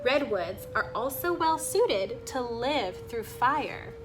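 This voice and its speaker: Over background music, a slightly high, expressive female voice reads from a children's book. Every so often she breaks off to make spontaneous, offhand remarks about the pictures.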